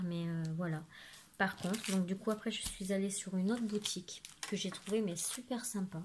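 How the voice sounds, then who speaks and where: A woman talks through a craft haul at home, filming herself on her phone. Her speech is casual and meandering, full of hesitations and little fillers. Her voice sits at an ordinary pitch, with a faint hiss of background noise. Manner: chatty, rambling with frequent fillers and "voilà". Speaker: craft vlogger. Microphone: phone camera.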